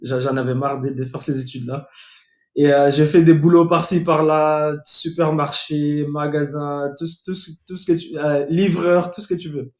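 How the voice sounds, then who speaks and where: Over a remote call from an echoey room in his Atlanta home, a young Guinean podcast guest recounts his life in casual talk, full of fillers and restarts. He speaks at a moderate pace in a fairly high voice with little pitch movement.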